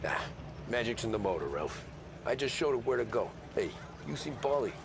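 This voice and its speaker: An actor playing a laid-back young mob driver with a wry, dry wit. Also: male voice, mid-range voice, big pitch swings, brisk, creaky, noisy background. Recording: game soundtrack music behind.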